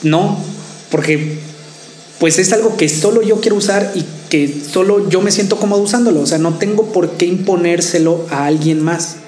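A man's voice: high voice, moderate pace, a little mellow. A man in casual debate chat, co-hosting a podcast, hesitating and repeating words as he argues. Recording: roomy echo with faint music.

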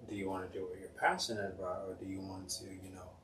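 A man's voice: low voice, little pitch movement, fast, fairly bright tone. A young man from Cameroon, a podcast guest, talking in a chatty, jokey way full of "um" and "like". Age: young adult. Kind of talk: casual interview chat. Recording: roomy, distant mic, faint noise.

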